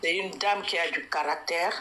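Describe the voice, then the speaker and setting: A woman's voice: on the low side, normal speed, sharp tone, slight background noise. A woman from Congo-Brazzaville, calling into a live chat as an activist, speaking emphatically with many restarts. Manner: emphatic, repetitive, hesitant restarts. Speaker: caller, activist.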